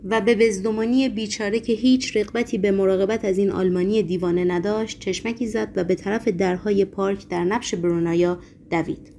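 A woman narrating an audiobook in a steady, measured storytelling manner. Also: mid-range voice.

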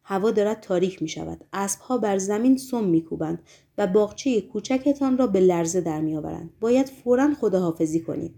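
A woman's voice: mid-range voice, animated, gravelly, mellow. A woman voicing a brusque male demon henchman. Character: menacing male demon henchman, bony-handed and blunt.

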